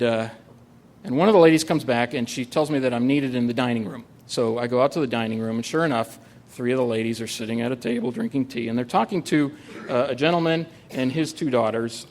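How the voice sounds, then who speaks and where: A man tells a personal story on stage at a live storytelling event. His humor is wry and understated, and he pauses on frequent "uh" fillers. His voice sits at a middle pitch for a man. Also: darkish tone. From United States.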